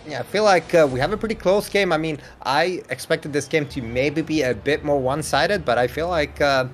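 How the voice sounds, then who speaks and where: A fairly high-pitched man from Sweden talks fairly quickly while doing English play-by-play of an online hockey match, with a little hiss or hum on the audio. His first language is Swedish, and as an esports commentator he chats with viewers, laughs often and reads the chat aloud.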